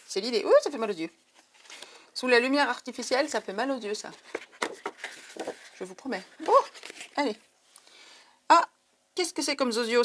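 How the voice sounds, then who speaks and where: A woman's voice: a little high, slight background noise. A woman with a French accent, chatting casually to her viewers in a craft haul video, digressing often. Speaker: craft vlogger.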